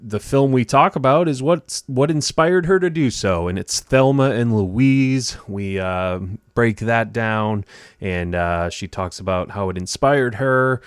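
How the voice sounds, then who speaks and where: A man running a podcast out of a home studio in Tampa talks casually with his interview guest, stumbling through many fillers and restarts. His mid-range voice is clear and resonant, recorded dry with clean studio quality.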